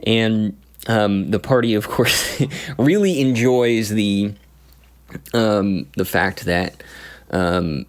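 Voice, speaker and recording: A man recounting his tabletop campaign as game master, in a casual, halting way with many pauses and restarts. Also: on the low side. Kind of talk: casual story recap.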